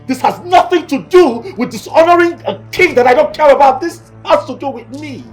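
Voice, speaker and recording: A man's voice: very high voice, expressive, fairly quick, soft background music. An actor with a Nigerian accent playing a defiant young man who rejects a royal claim, agitated and repeating himself. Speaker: young man told he is a king's heir.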